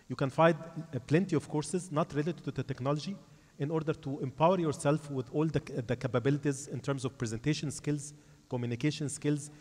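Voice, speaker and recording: A man's voice: mid-range voice, a little mellow. A man giving an explanatory panel answer as a company representative, repeating and rephrasing his phrases. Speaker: corporate panelist speaking for a tech company. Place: large conference hall. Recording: echoey hall with long reverb.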